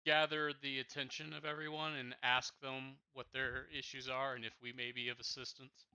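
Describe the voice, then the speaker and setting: Smooth, bright-voiced male player. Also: mid-range voice, little pitch movement, moderate pace, dry recording, rough recording. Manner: joking, haggling, in-character. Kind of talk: tabletop role-play.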